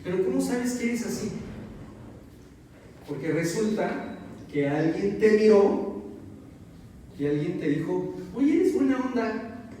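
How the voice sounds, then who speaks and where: A man's voice: high-pitched, takes it slowly, pauses often, mellow, slight background noise. A man giving a psychotherapy lecture, explaining ideas patiently and checking in with his listeners. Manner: explanatory, repeats key phrases and checks in with "¿no?". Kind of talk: public lecture. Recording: echoey hall, voice from far off.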